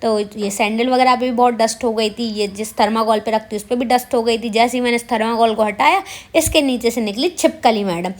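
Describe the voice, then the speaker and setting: A woman's voice: on the high side, fairly quick, hardly any pauses. A woman vlogger narrating her day in a chatty, self-mocking voice-over, speaking straight to her viewers. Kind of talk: casual vlog voice-over.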